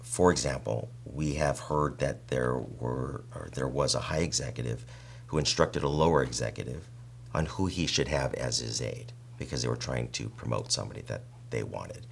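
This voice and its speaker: A man interviewing someone with long, frank statements, speaking deliberately and challenging politely. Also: extremely low pitch. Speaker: interviewer representing department members. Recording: clear background noise and hum.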